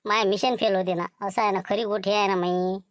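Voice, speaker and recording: A man's voice: high-pitched, fairly even intonation, fairly quick, no echo, clean studio sound, lightly acted. A man with a Varhadi Marathi accent playing a sly scheming undercover servant in a village comedy sketch, wheedling and sprinkling his talk with little fillers. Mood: plotting.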